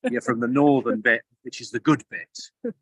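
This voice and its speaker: A man's voice: medium pitch, fairly even intonation, moderate pace, a bit bright, breathy edge, no echo. Guest, male, from the north of England, dry humour, close dry sound. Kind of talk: casual introduction.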